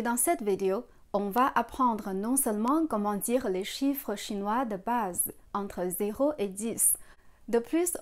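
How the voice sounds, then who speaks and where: A woman's voice: fairly high pitch, a little mellow. A woman teaching a beginner language lesson, patiently coaching viewers to repeat after her and praising their efforts. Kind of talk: step-by-step pronunciation lesson.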